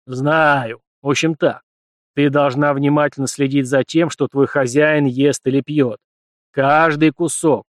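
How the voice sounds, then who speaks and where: A man's voice: on the high side, no echo, clean studio sound, natural voice. A man voicing a mocking, commanding god. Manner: commanding, gruffly ironic. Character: mocking stern god voice, male.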